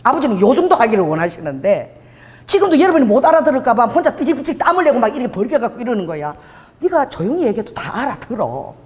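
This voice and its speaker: Animated woman preaching in a reverberant church. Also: fairly high pitch, fast. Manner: animated, conversational storytelling preaching. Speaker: pastor. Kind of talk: sermon. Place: church hall.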